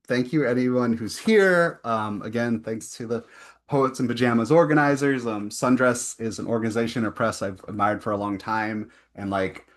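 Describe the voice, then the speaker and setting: A young adult man at an online poetry reading, reading his poems slowly and deliberately with chatty, filler-heavy asides between them. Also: lowish voice. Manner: slow, deliberate reading with rising emphasis on repeated lines. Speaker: poet reading his work.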